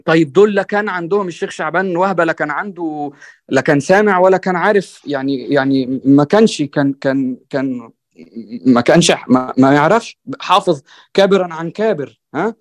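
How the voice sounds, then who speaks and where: A man with an Egyptian accent speaks quickly in a slightly raised voice. He stumbles and restarts often, then presses his point earnestly and keeps asking "right?". The sound is dry and close to the mic. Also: fairly high pitch, no room sound. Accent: Egyptian Arabic. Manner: hesitant, many restarts and fillers, checks in with "right?"; earnest and exhorting. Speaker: guest musician on a panel. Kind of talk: conversational discussion.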